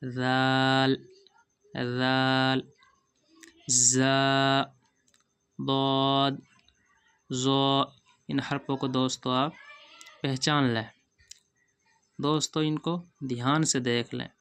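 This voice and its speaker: A woman teaching a Quran reading lesson, stretching every letter name long and explaining the differences with patient care. Her voice sits very low and stays nearly flat. Her tone is smooth and clear. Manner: drawn-out letter names, often addresses viewers as friends. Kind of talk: slow letter-by-letter recitation lesson.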